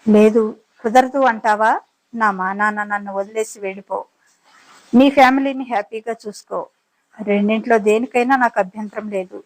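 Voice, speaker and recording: A woman's voice: medium pitch, fairly even intonation, moderate pace, lightly acted, low-quality recording. A woman voicing a fed-up, outspoken young woman in an audiobook story, speaking with irritation and seriousness. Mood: firm. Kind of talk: dramatized audiobook reading.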